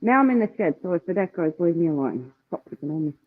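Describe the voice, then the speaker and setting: A woman's voice: lowish voice, big pitch swings, quick pace, no room sound. A woman calling in through earbuds with a tinny sound, coming down with a cold, talking in a blunt, dry, weary way. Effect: tinny earbud mic over a call. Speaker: remote caller on a livestream. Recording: tinny, dry, phone-like call audio.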